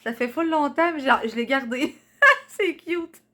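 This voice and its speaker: A woman's voice: sits high, lively intonation, measured pace, bright, forceful tone. Chatty Québécoise woman vlogging. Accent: Québécois French. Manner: chatty, fillers and slang, reading old cards aloud. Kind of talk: casual nostalgic vlog chat.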